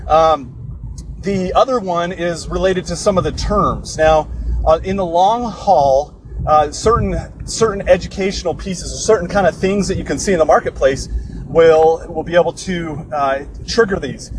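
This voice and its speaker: A man's voice: fairly high pitch, normal speed, background noise. A man, a bit out of breath, giving an informal livestream lesson as a course instructor, explaining casually and correcting himself as he goes.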